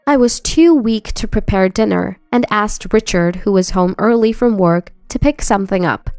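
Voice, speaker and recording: In a smooth, clear voice at a middle pitch, a woman reads a scripted first-person story evenly and at normal speed. The recording is dry and close, and faint music sits in the background.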